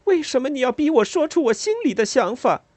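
A reader voicing a bitter, sharp-tongued adult woman who speaks in cutting, resentful bursts, raised well above the reader's own voice. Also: mid-range voice, big pitch swings, unhurried, no room sound, voice pushed up. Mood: anguished. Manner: cutting and resentful, breaking into sobs.

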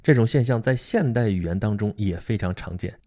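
This book explainer, a man who grew up speaking Mandarin Chinese, lectures casually and keeps asking his audience rhetorical questions. His lowish voice has a darkish tone, and he talks fairly quickly.

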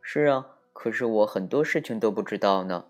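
A man's voice: on the low side, moderate pace, voice pushed up, natural voice. A man voicing Phil, a curious little boy who earnestly asks everyone questions, in a children's story.

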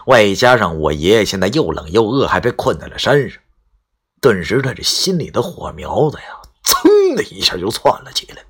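Lively male storyteller, husky. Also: on the low side. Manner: colloquial, lively, swearing asides. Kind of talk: live-streamed storytelling.

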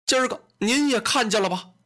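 A man's voice: extremely high pitch, a little fast, bright, forceful tone, voice pushed up. A man voicing a proud young general who speaks earnestly and respectfully. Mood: aggrieved.

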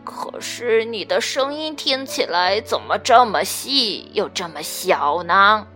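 A woman voicing a big wounded tyrannosaurus in a storybook, talking slowly and haltingly, as if in pain. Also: mid-range voice, lively intonation, bright, forceful tone, soft background music, pitched below the performer's own voice. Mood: suspicious. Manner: slow, pained, halting.

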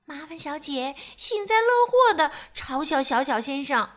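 High-voiced woman telling children's stories. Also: unhurried. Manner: warm, expressive, playful asides. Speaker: children's storyteller. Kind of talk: storytelling for children.

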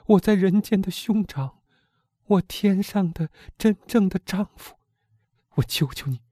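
A man's voice: sits high, dark tone, dry recording, clean studio sound. Valentine, a man voicing an anguished young woman. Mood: pleading. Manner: anguished, imploring delivery. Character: young woman in despair, devoted and pleading. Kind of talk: audiobook character reading.

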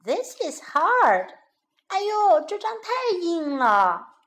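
Woman reading as a curious little storybook girl, high and lively, slow and clear. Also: heavily acted. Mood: fussy.

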